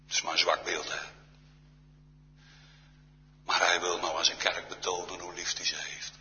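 Low-voiced male preacher with a hard, forceful edge, solemn and given to hushed passages, in a roomy echoing church. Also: monotone, moderate pace. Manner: solemn, often drops to a near-whisper. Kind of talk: Reformed church sermon. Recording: reverberant church hall, dull sound.

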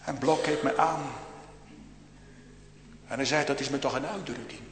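Gravelly preacher in an echoing church. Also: male voice, mid-range voice, steady tone. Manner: slow, swinging between loud outbursts and hushed near-whispers. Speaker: pastor. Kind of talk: sermon. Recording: echoey church with long reverb.

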